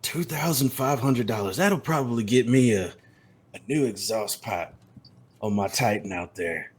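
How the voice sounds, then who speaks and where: A man voicing a menacing vampire biker who speaks in a slow, threatening drawl. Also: mid-range voice, breathy edge, lightly acted. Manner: slow drawl, calls people friend and son.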